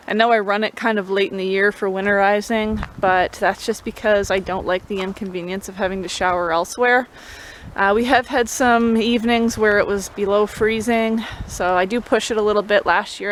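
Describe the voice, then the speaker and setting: A woman speaks at an average pitch in a laid-back, informal way, like a vlogger walking viewers through a practical task. She chats casually to the camera. Clear ambient noise sits behind her voice. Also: poor audio. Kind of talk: casual how-to chat to camera.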